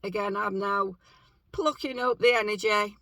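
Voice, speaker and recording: A woman chatting casually to camera from inside her parked car, telling a story with lively quoted reactions, sounding low on energy with her morning voice. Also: moderate pace, no room sound, low-quality recording. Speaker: vlogger.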